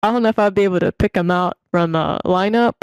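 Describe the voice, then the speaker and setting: A woman's voice: mid-range voice, quick pace, smooth, no room sound. A woman opera singer chatting casually as a guest, thoughtful and hesitant, with many fillers. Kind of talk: casual reaction chat.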